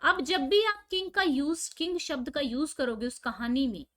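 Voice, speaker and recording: A woman teaches an online class. She walks through each point slowly, often asking a question and then answering it herself. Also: sits high, a bit bright. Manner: explains step by step, asks and answers own questions.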